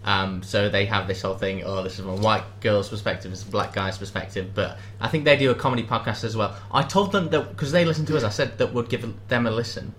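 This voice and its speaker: Cheeky british guy cohosting a chatty podcast, quick jokey delivery, bit of background hiss. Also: lowish voice, fairly bright tone. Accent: British English. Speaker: podcast co-host. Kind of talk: casual chat.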